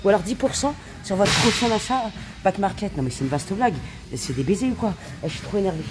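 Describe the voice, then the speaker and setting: A young woman vlogs at home while sick with a cough, ranting to camera in a slangy, swearing, casual style. Her mid-range voice is expressive and fast, and the recording is noisy with clicking sounds.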